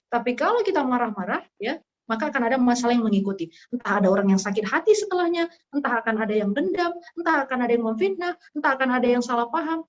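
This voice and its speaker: A young woman speaks in a casual religious talk, acting out her stories with quick sound effects. Her voice sits fairly high. The sound is muffled and lo-fi, like an online stream. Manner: lively storytelling, acts out scenes with sound effects. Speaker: guest speaker.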